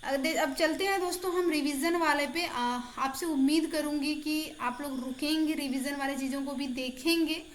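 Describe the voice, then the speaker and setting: A woman's voice: high-pitched, steady tone, normal speed, few pauses, roomy sound, a little hiss or hum. A woman exam-prep tutor in a casual online lesson, chatty and encouraging, repeating answers aloud.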